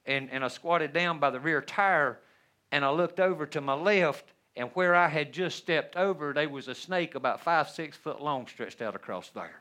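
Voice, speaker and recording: A middle-aged man preaching a sermon in a church, folksy and humorous, swinging between loud bursts and hushed asides. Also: fairly high pitch, moderate pace. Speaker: pastor. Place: church sanctuary.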